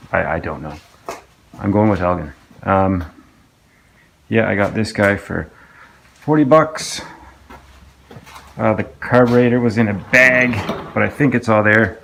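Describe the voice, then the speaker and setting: A man with a low, gravelly voice talks through his engine repair in a casual, meandering way, often stopping and restarting his sentences. He sounds like a hobbyist narrating from his home workshop, and his voice drifts nearer and farther from the camera mic. A faint hiss of workshop noise sits underneath. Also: measured pace, pauses often, fairly bright tone. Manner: rambling, hesitant, full of restarts and ums. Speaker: outboard engine restorer.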